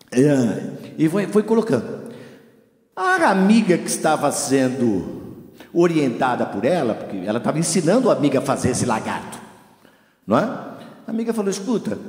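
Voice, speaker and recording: A man preaching as a guest pastor in a church, telling a story and acting out its dialogue. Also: a little high. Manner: storytelling with lively acted-out dialogue. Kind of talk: sermon. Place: church hall. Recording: echoey church hall.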